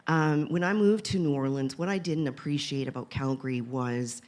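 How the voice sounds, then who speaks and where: A woman's voice: deep voice, moderate pace, darkish tone. A woman from Saskatoon speaking on a live conference panel, chatty and emotional, laughing often as she talks about building a community. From Canada (Saskatoon). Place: conference stage, live audience.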